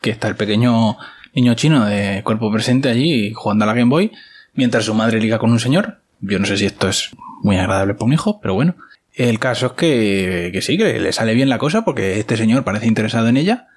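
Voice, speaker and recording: A man's voice: on the low side, lively intonation, a little fast. A man casually retelling a TV episode, wry and chatty, with offhand filler asides. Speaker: series recap host.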